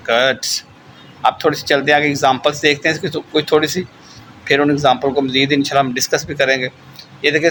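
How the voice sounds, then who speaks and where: A man teaching a German lesson, who says example words slowly, repeats them, and keeps checking in with his listeners. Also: on the high side, sharp tone, a little hiss or hum, rough recording. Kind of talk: online language lesson.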